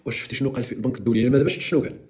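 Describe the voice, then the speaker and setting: A man with a Moroccan accent hosting a live stream, giving sarcastic, mocking political commentary in an animated way. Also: medium pitch, rapid-fire, a little hiss or hum.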